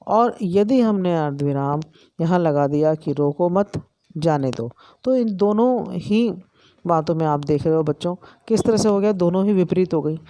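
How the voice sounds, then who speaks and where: Mellow-voiced Indian woman lecturing. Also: lowish voice, no room sound. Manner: explanatory, many pauses and fillers. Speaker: education lecturer. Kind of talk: recorded lecture.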